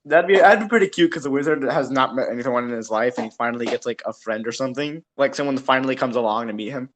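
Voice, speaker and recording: Young dude rambling on a home podcast mic, lots of ums and restarts. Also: male voice, mid-range voice, quick pace, a bit bright, a little hiss or hum. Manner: rambling, laughing, many restarts and fillers. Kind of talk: casual podcast chat with friends.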